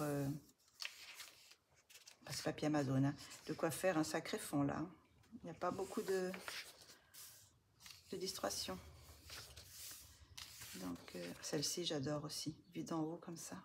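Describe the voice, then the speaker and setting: Against some background noise, a woman with a low, creaky voice chats casually while presenting coloring books. As a coloring book vlogger doing show-and-tell, she is soft-spoken, uses lots of fillers, and frequently falls to a near whisper as she gushes over the pages.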